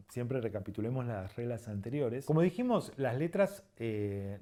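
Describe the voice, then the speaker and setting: A man gives an instructional lesson. His voice is mellow and warm, pitched in the middle range. He explains patiently, repeating examples slowly and pausing to check that the listener follows. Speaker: birding instructor.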